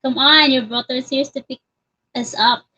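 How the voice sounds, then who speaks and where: A woman's voice: high voice, steady tone, normal speed, sharp tone, highs cut off, a little hiss or hum. A woman with a Filipino accent reading the lines of a worried, teasing teenage boy classmate. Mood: concerned.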